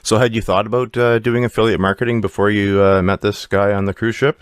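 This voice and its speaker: A man hosting an interview, asking questions in an easygoing way with many pauses. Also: lowish voice, flat delivery, clear, resonant tone. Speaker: host.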